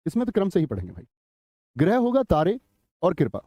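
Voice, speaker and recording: A man's voice: sits high, wildly swooping pitch, fairly quick, mellow, dry recording. A man teaching a live online exam-prep class, chatty, quizzing students and reading their chat comments aloud. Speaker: Hindi teacher.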